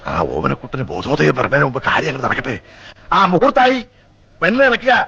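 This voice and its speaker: A man's voice: mid-range voice, wildly swooping pitch, a little fast, vocal fry, highs cut off, crowd noise. An actor playing a stern, solemn man giving orders in a film comedy. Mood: stern, urgent. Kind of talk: Malayalam film comedy acting. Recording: loud film music behind the voice.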